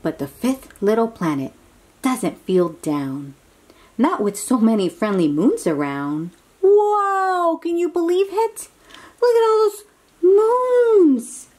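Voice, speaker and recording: A woman with a high, darkish voice reads a picture book to small children at a very leisurely pace. Her pitch swings widely and expressively as she exclaims and coaxes them with easy questions.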